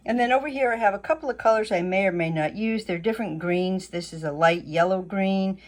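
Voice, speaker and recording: A woman talking through her oil painting as she works, thinking aloud in a casual, unhurried way. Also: mid-range voice. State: hiccuping. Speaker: painting instructor. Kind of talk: casual painting tutorial narration.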